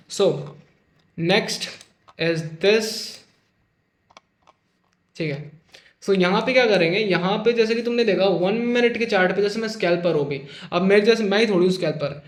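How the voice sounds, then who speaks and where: In an echoey room, a high-pitched male trading instructor gives a casual screen-share chart lesson. He's chatty and jokey, constantly checking in with "okay," calling listeners "brother," and teasing about losing traders.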